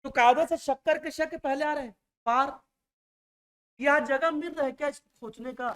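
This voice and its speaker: A man's voice: very high-pitched, moderate pace, fairly bright tone. A man teaching a Hindi exam-prep class in a classroom. He repeats each point and keeps checking that his students follow. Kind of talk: classroom lecture.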